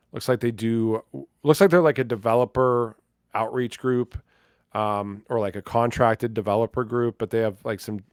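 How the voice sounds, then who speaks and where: A man's voice: fairly low pitch, clean tone, no room sound, studio quality. A man hosting a casual crypto news rundown, talking loosely with lots of fillers and asides. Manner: chatty, filler-heavy, laughs while reading. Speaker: crypto news channel host.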